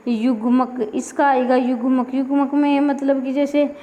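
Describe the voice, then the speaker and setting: A woman's voice: high-pitched, level tone, a little slow, mellow, long reverb tail. A woman teaching Hindi grammar for exams, who explains each point and then goes over it again as a likely test question. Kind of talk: exam-prep lecture.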